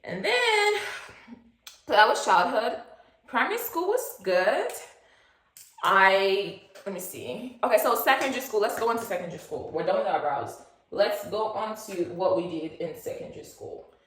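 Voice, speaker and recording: A Nigerian woman in her twenties vlogs a casual get-to-know-me story, rambling and chatty with plenty of fillers and asides. Her mid-range voice is expressive and fairly bright, at a moderate pace, recorded in an echoey room.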